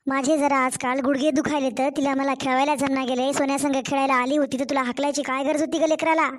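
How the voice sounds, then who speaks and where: A woman voicing a kind, caring older grandmother in an animated storybook, speaking slowly and heartfelt with a Marathwada Marathi accent. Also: high-pitched, no room sound, studio quality, lightly acted. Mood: scolding. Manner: tender, pleading, slow and heartfelt.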